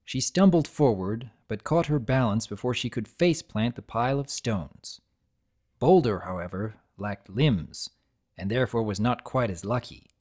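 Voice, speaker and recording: A man reading a story aloud as scripted dramatic narration, in a measured, expressive storytelling manner. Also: medium pitch.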